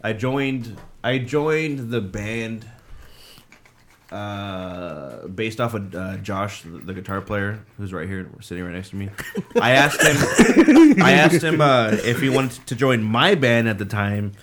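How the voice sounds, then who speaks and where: A man's voice: on the low side, expressive, slow pace. A man in his late twenties, a band's drummer, chatting casually in an interview and rambling with lots of fillers and restarts. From Southern California. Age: late 20s. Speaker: drummer in a band.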